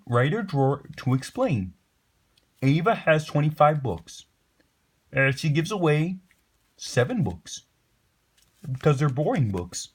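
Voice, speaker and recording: A sassy frog puppet with a raised, nasal-leaning voice, played by a man. He jokes, haggles and teases his way through a homework problem for a children's math video. The pitch sits well above an ordinary man's voice. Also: slightly rough, heavily acted. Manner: sassy, joking, bargains and teases. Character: cheeky wisecracking male frog puppet.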